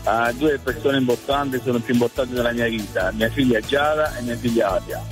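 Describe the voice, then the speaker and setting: A man's voice: mid-range voice, fairly quick, soft background music. A man calling in to a radio show over a phone line from a moving vehicle, chatting casually and repeating himself. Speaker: radio caller. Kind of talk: casual call-in chat.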